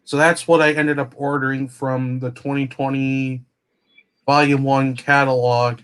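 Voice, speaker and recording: Slow, rambling man in casual chat. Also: mid-range voice, flat delivery, fairly bright tone, smooth. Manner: slow, meandering explanations with many fillers. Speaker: guest on train livestream.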